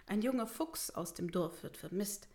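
A woman's voice: mid-range voice, lively intonation, moderate pace, dark tone, natural voice. A woman voicing a burly, bearded male village mayor in a storybook reading. He speaks formally and presses his request with huffy insistence. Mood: formal pleading.

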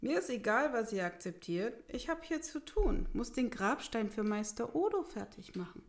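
A woman's voice: on the high side, sing-song, moderate pace, pitched above the performer's own voice. A woman voicing a grumpy, sarcastic male wolf who works as a stonemason in a storybook reading. He answers curtly and mockingly. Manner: curt, mocking, irritable.

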